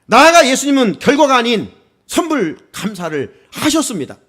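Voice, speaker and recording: Animated high-pitched male pastor preaching. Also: moderate pace. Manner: animated preaching with rising exclamations; asks the congregation questions. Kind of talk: sermon.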